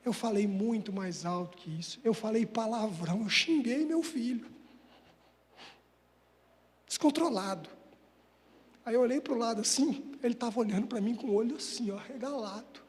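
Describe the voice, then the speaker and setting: A man with an unusually high voice gives a religious talk at a Spiritist center, mixing personal storytelling with direct questions to his listeners. His delivery is emotional and conversational. Long reverb from the hall trails his words. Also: normal speed, pauses often. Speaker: Spiritist lecturer.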